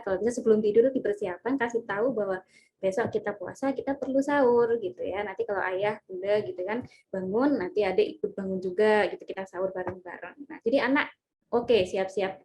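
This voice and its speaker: A woman's voice: mid-range voice, darkish tone. Indonesian woman explaining, lots of fillers. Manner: many fillers like "gitu ya", explanatory. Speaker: guest expert on child nutrition. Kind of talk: casual podcast advice.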